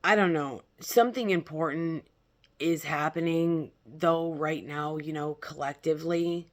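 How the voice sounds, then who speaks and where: A woman talking casually as a self-help influencer, blunt and emphatic, haltingly checking in with her listeners. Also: low-pitched.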